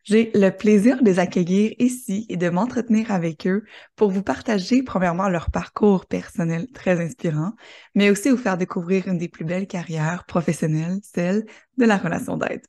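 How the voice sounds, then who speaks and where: A woman's voice: medium pitch, normal speed, mellow. A woman hosting an online interview, enthusiastic and encouraging toward her guest. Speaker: interviewer and host. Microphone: video call.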